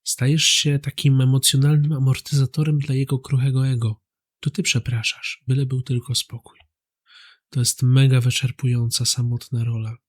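A calm man with a pitch in the middle for his sex reads a scripted narration. He speaks straight to the listener in a steady, even way, like the host of a psychology channel. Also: moderate pace.

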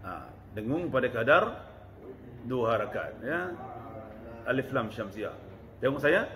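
A man with a Malaysian Malay accent teaching Quran pronunciation, slowly chanting verse fragments and repeating single sounds to correct them. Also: medium pitch, expressive, background noise. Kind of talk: talaqi pronunciation lesson, modelling and chanting verses.

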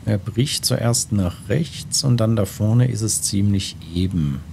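Thinking aloud as he plays a golf game, a male gaming host deliberates with himself in relaxed let's-play commentary. He speaks slowly in a lowish, darkish voice with vocal fry, and faint game sounds stay in the background.

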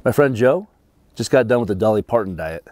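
A man's voice: fairly low pitch, expressive, fairly quick, a little mellow, no room sound. A middle-aged man, telling short jokes outdoors. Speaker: dad-joke teller. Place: outdoors on a lakeside dock.

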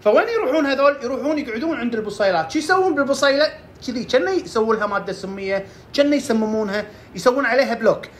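A woman's voice: a little high, expressive, very fast, slight background noise. A woman giving casual health tips, asking and answering her own questions as she goes. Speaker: herbal health presenter.

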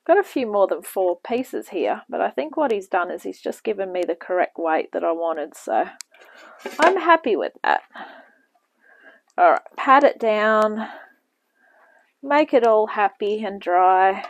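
A woman's voice: medium pitch, big pitch swings, a little slow, pauses often, poor audio. A woman hosting a home cooking demonstration, talking casually with rambling asides as she works, heard from a camera in a home kitchen. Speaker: cooking show host. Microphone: camera mic, off-screen speaker at the bench.

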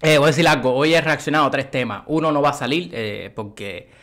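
A man talks through a music video in a loose, excitable way. His voice sits at a middling pitch, and he peppers his talk with curses and constant checks that you follow him. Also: fast talker. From Cuba. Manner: excitable, swears, keeps asking "you know what I mean". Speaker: music reaction host. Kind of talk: casual reaction commentary.

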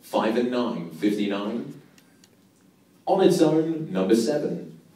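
Young guy calling bingo, slow and sing-song, voice swinging up and down, really echoey hall pa. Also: mid-range voice, big pitch swings, warm tone. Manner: sing-song number calls repeated in set patterns. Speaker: bingo caller, show host. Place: large bingo hall, indoors. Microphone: handheld mic over hall speakers, filmed from nearby. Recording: echoey hall PA, far from the mic.

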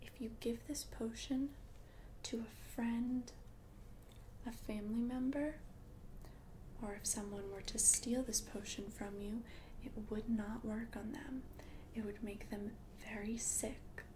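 In an ASMR roleplay, a woman voices a calm, earnest witch who sells potions, whispering soft and breathy with slow, careful explanations. Her voice sits a little high, the background is noisy, and her mood is one of gentle caution.

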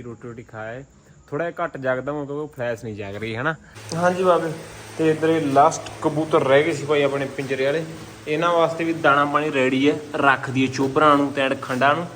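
A pigeon-keeping vlogger with a Punjabi accent chats casually, often coaxing his birds with repeated calls and endearments. His medium-pitched voice is steady, a bit bright and quick. The handheld recording is noisy with ambient sounds.

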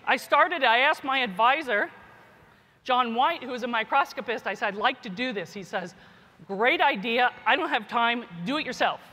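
An animated woman with a slightly high, bright, forceful voice gives a casual keynote as a scientist and teacher at normal speed, frequently saying "right?" and "you know." The echoey conference hall trails long reverb.

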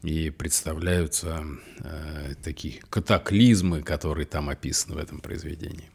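Man, middle-aged, very deep voice, relaxed reflective podcast talk. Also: moderate pace, gravelly, slightly rough. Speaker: psychotherapist podcast co-host. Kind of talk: casual conversation.

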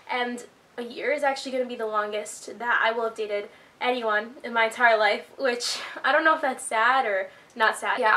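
A woman's voice: on the high side, bright, forceful tone. Chatty breathless young woman vlogging. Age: 20s. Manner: chatty, rambling, filler-heavy. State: slightly out of breath from illness. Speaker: YouTuber. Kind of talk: casual life-update vlog.

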